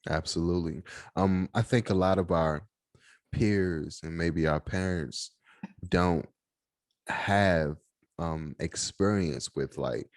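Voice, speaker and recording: A man from Washington, D.C. hosting a podcast, speaking in an unhurried, supportive way with many pauses. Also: deep voice, dry recording, studio quality. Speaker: podcast host. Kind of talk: casual interview chat.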